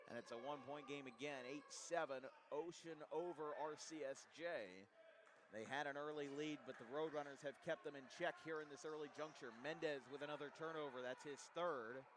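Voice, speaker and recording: A man calling a college basketball game play by play, his calls rising sharply on made shots and settling into steady stat reading between plays. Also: on the high side, a little fast, background noise. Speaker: play-by-play commentator.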